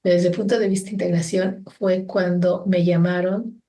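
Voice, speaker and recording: A woman's voice: on the low side, steady tone, normal speed, warm tone. A middle-aged woman from Mexico with a Mexican Spanish accent, talking through her thoughts as an interview guest, with many restarts and fillers. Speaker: guest, organization founder. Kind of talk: reflective interview conversation.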